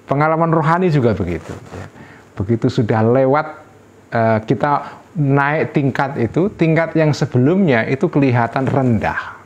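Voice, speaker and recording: A middle-aged man gives a relaxed study-circle lecture on an old religious text. He keeps a conversational rhythm, asks his listeners rhetorical questions and checks in with short tag words. His voice sits at an ordinary middle pitch and jumps up when he quotes a cry of discovery. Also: normal speed, highs cut off. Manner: voice lifts sharply when quoting an exclamation. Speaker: teacher of a classical religious text.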